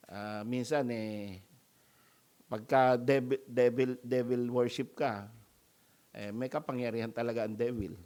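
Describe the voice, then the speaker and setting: A man with a Filipino accent preaching a sermon in a conversational style, often adding tag questions and raising his voice when he acts out scenes. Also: medium pitch. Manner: animated, rising loud when acting out mockery. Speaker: pastor.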